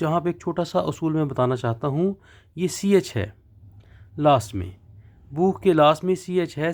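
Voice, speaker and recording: A man gives a beginner language lecture. He speaks at an unhurried pace in a mellow, fairly high voice. He spells out each word letter by letter and then pronounces it. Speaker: online German teacher. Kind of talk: slow explanatory lecture.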